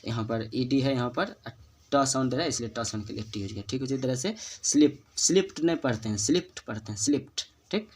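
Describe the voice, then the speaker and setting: A man with a Hindi accent teaches English phonetics in a whiteboard lesson explaining the rules. He repeats each example word and checks in with students using "ठीक ना", speaking quickly in a medium-pitched, darkish voice with a breathy edge.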